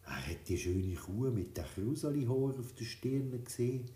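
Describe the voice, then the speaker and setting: A man's voice: medium pitch, normal speed. Guy reading a kids story, lots of up and down in his voice, echoey room. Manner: lively, expressive telling. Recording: roomy echo.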